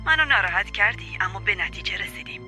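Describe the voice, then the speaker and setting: A woman's voice: medium pitch, expressive, bright, forceful tone, faint music behind. An actress playing a smug, coaxing aunt who praises her niece in a dubbed TV drama.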